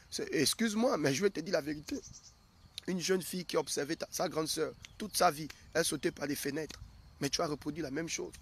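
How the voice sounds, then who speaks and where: A man's voice: on the high side, husky. A male prophet giving a live sermon, speaking straight to his listeners and hammering his point with repeated questions. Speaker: prophet preaching to his followers.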